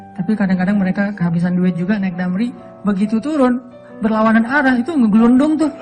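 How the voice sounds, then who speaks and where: A middle-aged male Islamic preacher from Aceh, giving a relaxed, humorous sermon that jokes and acts out voices in his stories. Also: sits high. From Aceh, Indonesia. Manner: joking storytelling, often laughing.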